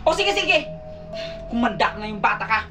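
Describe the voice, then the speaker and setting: A woman voicing a sinister female aswang posing as a maid, gruff, impatient and sneering. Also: a little high, very animated, normal speed, reverberant, far from the mic, voice pushed down. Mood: irritated. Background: music.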